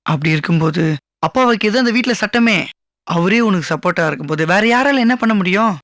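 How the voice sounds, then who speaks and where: A calm consoling husband. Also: male voice, high voice, fast talker, no echo, clean studio sound. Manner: gentle, reassuring. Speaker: husband of Kamu. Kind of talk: Tamil TV serial acting.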